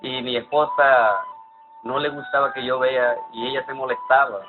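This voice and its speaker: A man giving an earnest, halting personal testimony. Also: mid-range voice, fairly even intonation. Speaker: church member giving testimony. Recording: tinny phone-like sound with music behind.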